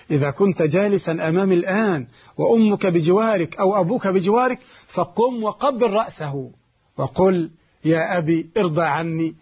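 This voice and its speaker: A man preaching a sermon, exhorting his listeners with slow, emphatic repetition. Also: a little high, slightly rough, dull audio.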